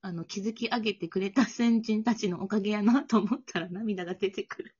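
A woman's voice: medium pitch, steady tone, a little fast, a little mellow, slightly rough, dull audio. A woman with a Kansai Japanese accent co-hosting a casual chat podcast, playful and easygoing. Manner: playful, easygoing, laughs often. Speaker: podcast co-host.

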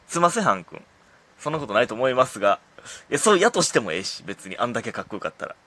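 A man's voice: medium pitch, sing-song, rapid-fire, fairly bright tone, breathy edge. A man with a Kansai accent, a comedian chatting casually on his own talk show, self-deprecating and laughing often at his own stories. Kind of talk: casual solo radio talk.

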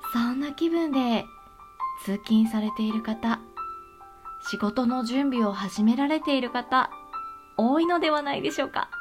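A woman hosting a chatty solo radio talk show, speaking in a polite, gentle and reassuring way. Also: fairly high pitch. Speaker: host of an aromatherapy talk show.

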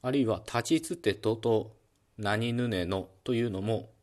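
A man hosting a solo educational podcast, calmly explaining phonetics with many fillers and demonstrating speech sounds aloud. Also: on the low side, a little slow. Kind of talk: calm solo educational talk.

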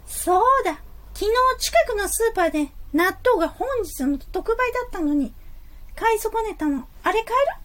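A woman's voice: extremely high pitch, expressive, normal speed. A woman playing a cheeky, scheming office lady in a comic stage play, blunt, teasing and theatrical. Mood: brazen, greedy.

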